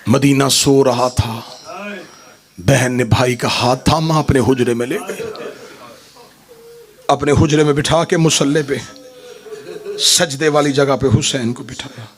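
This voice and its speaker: A man reciting a mourning elegy at a religious gathering, dramatic and grieving, rising at times to chanted shouts. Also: mid-range voice, fairly even intonation, takes it slowly, pauses often.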